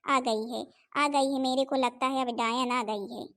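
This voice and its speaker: A woman's voice: high voice, steady tone, a little slow, a bit bright, voice pushed down. A woman voicing a suspicious older mother-in-law grumbling about a visiting relative in a Hindi cartoon.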